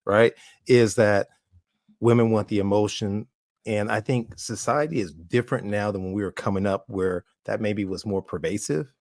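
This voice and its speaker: A man with a fairly low voice thinks out loud on a podcast, hedging as he goes. The sound is dry and close to the mic. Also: steady tone, normal speed, no echo. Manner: thoughtful, musing, hedging. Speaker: podcast co-host. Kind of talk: casual podcast chat.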